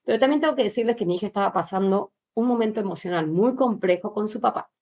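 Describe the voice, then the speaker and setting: A woman's voice: mid-range voice, fast, warm tone. A woman, a pelvic floor specialist giving an informal workshop talk, candid and chatty, talking straight to her listeners with frequent filler sounds.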